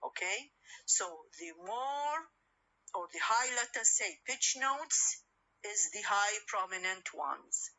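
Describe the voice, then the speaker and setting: A woman's voice: mid-range voice, lively intonation, takes it slowly, sharp tone, dull audio. A woman lecturer, patiently explaining and asking rhetorical questions she answers herself. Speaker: university lecturer. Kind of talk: recorded lecture, switching between English and Arabic.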